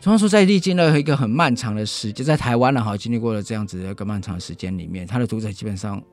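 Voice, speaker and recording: A man, a guest writer chatting in a relaxed storytelling way, often tagging sentences with a soft "ha". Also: on the low side, racing, soft background music. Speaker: guest writer and magazine editor.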